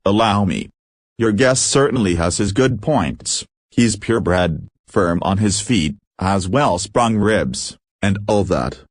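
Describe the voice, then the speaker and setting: A man's voice: fairly low pitch, lively intonation, slow pace, dry recording, clean studio sound. A man doing a blustering old landowner. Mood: smug. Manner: blustering, hot-tempered. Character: older fussy quarrelsome landowner father.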